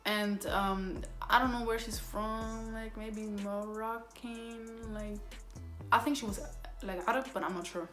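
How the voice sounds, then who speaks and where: A woman's voice: on the high side, unhurried. Young woman vlogging a storytime, says like constantly, echoey room, faint music under her. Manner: animated, heavy use of "like", voice rising when angry. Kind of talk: storytime vlog.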